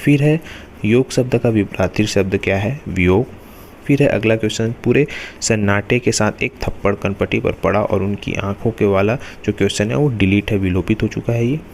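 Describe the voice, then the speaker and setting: A man with a lowish voice works steadily through exam questions in a repetitive, drilling rhythm. A faint hiss of background noise sits under his voice. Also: normal speed, gravelly. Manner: repeats "remember" and "then next" in a steady drilling rhythm. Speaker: exam-prep teacher.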